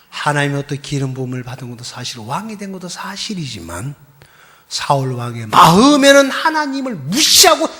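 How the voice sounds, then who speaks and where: A male pastor preaching a fiery sermon, quizzing the congregation and swinging from shouts to hushed whispers. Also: on the high side.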